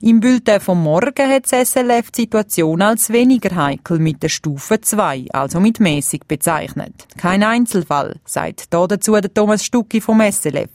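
A woman's voice: medium pitch, lively intonation, moderate pace, hardly any pauses, darkish tone, no room sound, clean studio sound. Swiss woman voicing a news report. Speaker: radio reporter.

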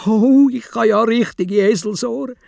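A man with a Swiss German accent voicing a foolish, horrified king in a children's story, wailing loudly. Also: normal speed, vocal fry, dry recording, full character voice. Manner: high, loud wailing.

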